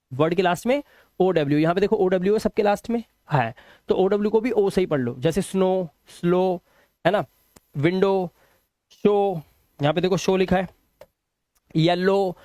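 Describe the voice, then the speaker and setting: Man, Hindi accent, high voice, pronunciation lesson, reassuring, stretches out example words. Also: darkish tone, dry recording, clean studio sound. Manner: reassuring, repeats examples slowly and drawn out. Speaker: English pronunciation teacher. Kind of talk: classroom lesson explaining rules.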